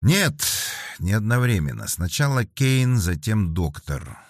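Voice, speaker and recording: A man voicing a sharp, sardonic woman investigator in an audiobook, reading her lines higher than his narration, firm and skeptical. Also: sing-song, measured pace, no echo, clean studio sound. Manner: firm, skeptical, dryly teasing.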